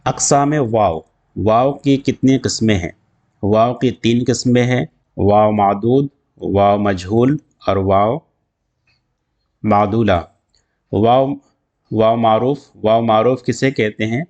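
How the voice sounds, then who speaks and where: Guy with an indian urdu accent teaching grammar, kinda low voice, keeps repeating and restarting as he explains. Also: a little mellow, lo-fi sound. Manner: slow, repetitive explaining with restarts. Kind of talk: grammar lesson.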